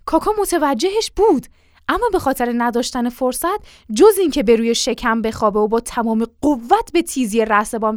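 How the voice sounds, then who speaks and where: Woman reading a storybook, really animated, bit high voice, dry close mic. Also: no room sound. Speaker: narrator. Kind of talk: storybook narration.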